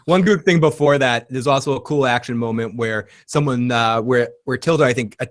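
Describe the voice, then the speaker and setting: A man chatting on a casual recap show. He is relaxed and joking and drifts into chatty asides. His voice stays at an ordinary middle pitch. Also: fairly quick.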